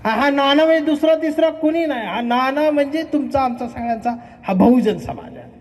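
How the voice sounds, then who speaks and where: A man speaking as a poet at an award ceremony, telling a story on stage in an animated way and acting out the voices. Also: fairly quick. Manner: animated, acts out voices, swings between high and low. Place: large hall at a ceremony. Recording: echoey hall reverb.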